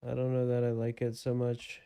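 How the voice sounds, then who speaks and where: A man's voice: medium pitch, completely flat delivery, moderate pace, warm tone, smooth, no room sound. A man hosting a live trading stream from a desk microphone and webcam, thinking aloud about the market in an easygoing, chatty way. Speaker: livestream trading host. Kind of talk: casual live market commentary.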